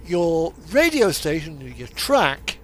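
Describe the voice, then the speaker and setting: A streamer hosting a truck simulator video gives casual, rambling gameplay commentary, hesitant and meandering, in a slightly high, sing-song, fairly bright voice, taking it slowly. Radio music and truck simulator game sounds play behind his voice.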